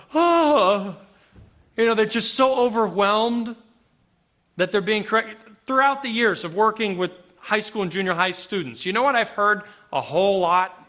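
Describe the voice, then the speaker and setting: A man with a high, pushed, bright voice gives a conversational sermon to listeners gathered in a room, reading from scripture and erupting now and then into emphatic, raised outbursts.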